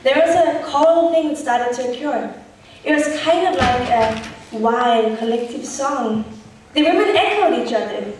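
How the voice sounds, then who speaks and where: A young woman calmly and reflectively introducing a stage monologue piece. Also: high-pitched, a little slow. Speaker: stage performer. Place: stage in a hall. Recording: echoey hall from far off, faint noise.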